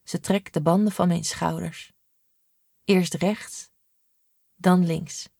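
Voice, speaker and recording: A woman narrating a first-person audiobook in a steady, measured way. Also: on the low side, vocal fry, husky, no echo, clean studio sound. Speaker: audiobook reader.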